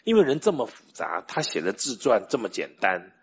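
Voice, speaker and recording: A man's voice: lowish voice, wildly swooping pitch, a little fast, gravelly, slight background noise. An older man, a church elder giving a conversational sermon with stories and frequent rhetorical questions. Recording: dull lo-fi sermon recording.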